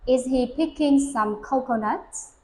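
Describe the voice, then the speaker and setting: In an echoey room with slight hiss or hum, a woman speaks a bit slowly in a mellow, high-pitched voice. She patiently gives a young learner an English speaking test, asking simple questions and providing full sentences for the child to repeat.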